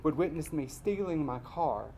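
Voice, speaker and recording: A man from Mississippi, reading his personal essay aloud at a live event in a measured, wry way. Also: on the high side, lively intonation, darkish tone, a little hiss or hum, rough recording. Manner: measured storytelling, wry asides.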